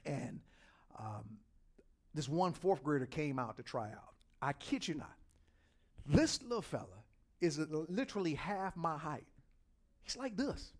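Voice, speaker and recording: Male pastor, sermon, high voice, very lively pitch, repeats himself, quiet then loud. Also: unhurried, pauses often. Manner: animated preaching, repeats words, swings from quiet to loud.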